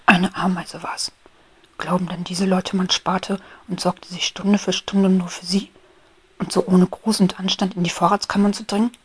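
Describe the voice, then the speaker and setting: A woman's voice: low voice, normal speed, breathy edge, exaggerated voice. A woman voicing a prim, grumpy but polite male rose beetle in a whispered storybook role-play, formal in tone. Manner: formal, indignant scolding.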